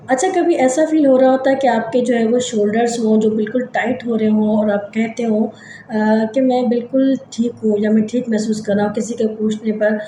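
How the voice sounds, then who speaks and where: A woman hosting a psychology channel, gently leading listeners through a body scan meditation with slow, repetitive step-by-step guidance. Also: a little high, heavy reverb, a little hiss or hum, low-quality recording.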